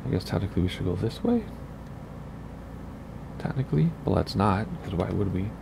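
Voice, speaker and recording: A man with a deep, gravelly, raspy voice chats casually through a flight simulator session, thinking out loud at a moderate pace. A constant hiss of noise runs beneath the recording.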